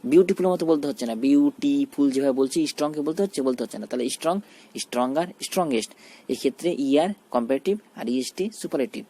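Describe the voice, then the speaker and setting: A man's voice: medium pitch, rapid-fire, dark tone. A male teacher giving a grammar lesson, explaining patiently and posing questions he then answers himself. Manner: explanatory, asks and answers his own questions.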